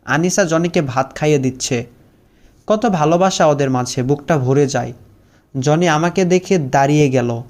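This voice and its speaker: A man's voice: fairly high pitch, moderate pace, a little mellow. A young man narrating a first-person story, with a sorrowful, heartfelt storytelling manner.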